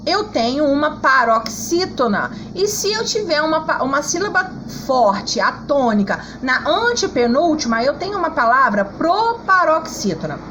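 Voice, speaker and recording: Slow, lively Brazilian teacher woman. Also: sits high, slight background noise, low-quality recording. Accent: Brazilian Portuguese. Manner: slow, patient, sings out syllables to show stress; checks in often with "tá?" and "ó". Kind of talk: online lesson for schoolchildren.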